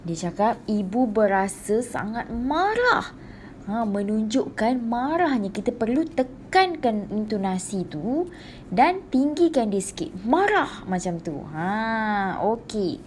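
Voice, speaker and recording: A woman teacher with a Malaysian Malay accent, explaining a lesson to primary pupils slowly and clearly, with many "okey" and "ha". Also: a little high, sing-song, darkish tone, slight background noise.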